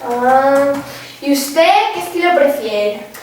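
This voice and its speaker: A woman's voice: high-pitched, lively intonation, slow pace, a little mellow, slight background noise. Female field reporter, acted on stage, inquisitive and polite, Asturian accent, mock news, distant echoey hall. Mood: curious.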